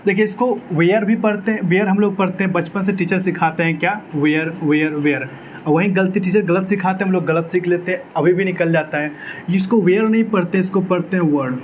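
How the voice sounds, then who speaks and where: A man's voice: high voice, steady tone, fast, dull audio, a little hiss or hum. A man teaching an exam-prep English grammar lecture, asking his own questions and answering them, repeating key words.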